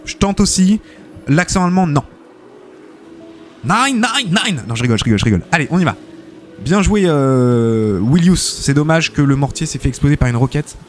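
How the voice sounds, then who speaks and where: A man's voice: fairly high pitch, lively intonation, brisk, darkish tone, soft background music. A man hosting a live game stream, commentating matches and reading out chat, chatty and full of fillers, thanking viewers often.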